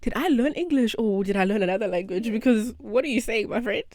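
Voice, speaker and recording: A young woman from South Africa, a first-year law student, chatting relaxed on a podcast and laughing easily. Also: fairly high pitch, fast talker, no echo. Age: young adult. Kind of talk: casual podcast chat.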